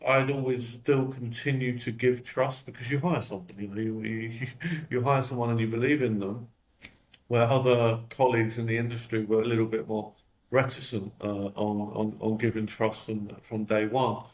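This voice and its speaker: Here a London-born CEO responds to interview questions in a frank, reflective manner, with frequent fillers like "um" and "you know." His mid-range voice comes across flat at a moderate pace, and the audio is poor.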